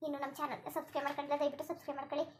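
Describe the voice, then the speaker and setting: A woman's voice: sits high, little pitch movement, racing, a little hiss or hum. A woman hosting a cartoon channel, giving a polite sign-off in Karnataka Kannada. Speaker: channel host. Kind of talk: channel outro.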